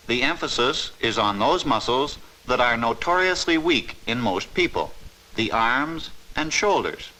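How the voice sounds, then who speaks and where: For a 1950s instructional training film, a man delivers measured, scripted narration, emphasizing key words as he explains. His mid-range voice has a sharp tone, and the recording quality is low.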